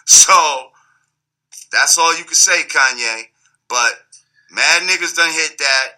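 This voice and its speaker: A man's voice: on the high side, slow pace, bright, forceful tone. A man speaking as an interview guest in casual, opinionated talk, blunt and mocking, swearing freely.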